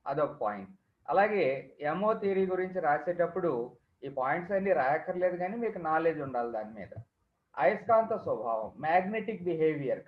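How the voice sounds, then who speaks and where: A thin, phone-like recording in an echoey room carries a male teacher with a slightly high voice and a Telugu accent. He lectures in a mix of Telugu and English. His manner is explanatory, and he often repeats key terms and phrases. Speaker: chemistry teacher.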